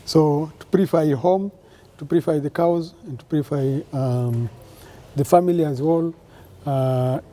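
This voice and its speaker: A man's voice: a little high, moderate pace, warm tone. A man from Tanzania, part of a Maasai delegation, explaining things in a documentary interview with hesitant fillers.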